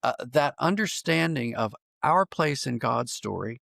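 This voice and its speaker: Here a podcast guest, an American man from Pennsylvania who writes and produces audio drama, speaks unhurriedly in a medium-pitched voice with lively intonation and some vocal fry. His tone is fairly bright, and the clean studio recording has no room sound. In this reflective conversation he explains his thinking carefully, at times repeating phrases as he works out an idea.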